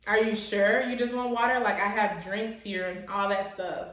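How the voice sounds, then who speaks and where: Woman doing a relaxed young man, low-key, hesitant fillers, bright tone, roomy echo. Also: moderate pace, natural voice. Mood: laid-back. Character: smooth-talking young man host, laid-back. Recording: echoey room, voice away from mic.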